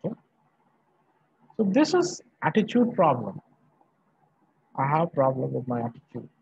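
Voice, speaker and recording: A Varanasi-born professor from northern India, male and husky, lectures online students at a medium pitch with a sing-song lilt and a darkish tone. His delivery is emphatic yet halting, built from short repeated phrases. He is in a small indoor room, and the video-call recording sounds muffled and dull.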